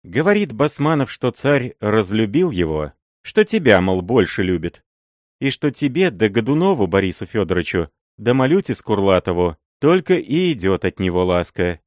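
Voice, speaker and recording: A man's voice: fairly low pitch, sing-song, normal speed, no echo, clean studio sound. A man voicing a crafty, fawning old male miller and sorcerer who wheedles and scrapes in an audiobook. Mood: confiding.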